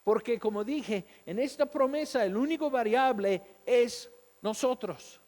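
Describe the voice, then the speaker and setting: A man with a high voice preaches at an unhurried pace, sharing a personal testimony. He throws out rhetorical questions and briefly mimics the doubting voices of his listeners. His words ring out with a long reverb, as in a large hall. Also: darkish tone. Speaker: pastor. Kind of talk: sermon.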